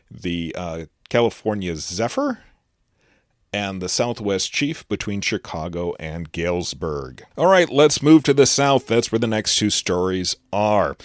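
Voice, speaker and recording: Male podcast host, on the low side, casual news roundup with plenty of "uh"s, close and dry. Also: no echo. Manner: chatty, loose delivery with frequent "uh" fillers and restarts.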